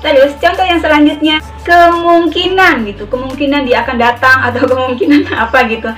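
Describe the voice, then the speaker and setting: A woman teaching sign language in a chatty tutorial, often repeating single words slowly as she demonstrates. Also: sits high, fairly even intonation, fairly bright tone, recorded from a distance, faint music behind. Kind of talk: casual tutorial.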